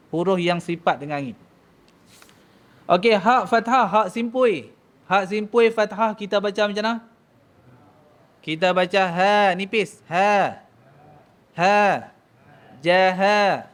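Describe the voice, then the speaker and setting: A man's voice: high voice, normal speed. A man from Malaysia, teaching Quran pronunciation in a mosque class and drilling each sound by contrasting the wrong and right way. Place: mosque hall.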